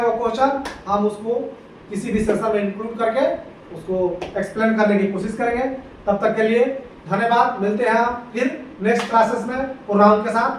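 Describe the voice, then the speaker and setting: A man teaching English grammar for exam prep, repeating key points and often checking that students follow. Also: high voice. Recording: echoey room, distant mic, faint noise.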